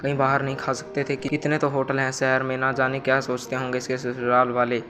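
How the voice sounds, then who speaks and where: A man narrating a moral family story in an even, scripted reading. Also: mid-range voice, brisk. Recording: music bed underneath. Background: music.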